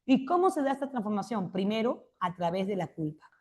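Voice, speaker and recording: A woman's voice: mid-range voice, big pitch swings, fairly quick. A woman giving a classroom literature lecture, explaining points and often checking with rhetorical questions. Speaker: literature teacher.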